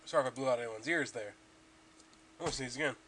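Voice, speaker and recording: A man's voice: mid-range voice, quick pace, sharp tone, slight background noise. A young man rambling casually about his gaming progress as a podcast host, stuffy from allergies, with lots of ums and restarts.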